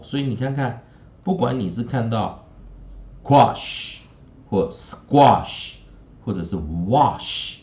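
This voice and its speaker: A man teaching English phonics in Mandarin with a Taiwanese accent. He explains in quick bursts with casual tag particles, then drills each word three times over. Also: medium pitch, echoey room, highs cut off. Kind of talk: phonics lesson with slow drilled word repetition.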